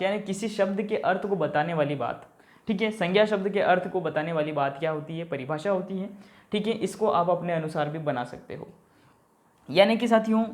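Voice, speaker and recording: High-pitched and instructive, a man walks through exam-prep grammar. He answers his own questions, calls the viewers his companions, and checks in again and again with a short "okay".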